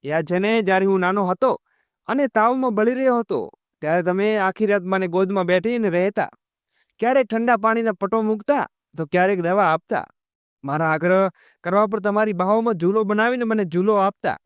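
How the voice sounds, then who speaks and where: A man reading a calm, devoted grown son. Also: high voice, brisk, clear, resonant tone, no room sound, studio quality, natural voice. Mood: affectionate. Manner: gentle, patient.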